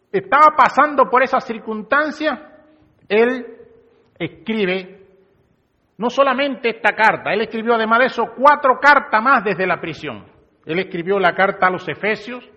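A male pastor preaches a sermon in a church hall, speaking directly and conversationally to his congregation. His voice is high-pitched, pushed, and bright. The recording is dull and lo-fi, with long hall reverb.

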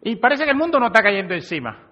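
High, bright-voiced man preaching in a hall. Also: big pitch swings, fast, a little hiss or hum. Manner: conversational preaching, addresses the congregation directly. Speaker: pastor. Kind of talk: sermon. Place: church hall. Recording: dull lo-fi recording with long hall reverb.

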